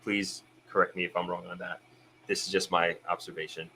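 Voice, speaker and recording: A young man born in Jamaica hosts a live stream, chatting casually about viewer comments and often restarting sentences as he thinks aloud. His voice sits low with a flat delivery, fairly quick, pushed and bright, and there's slight background noise.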